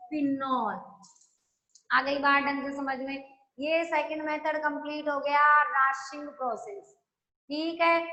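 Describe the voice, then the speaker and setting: Bright high-voiced woman teaching chemistry. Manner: explains step by step, keeps asking the class if they follow. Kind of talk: classroom lecture. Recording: echoey room.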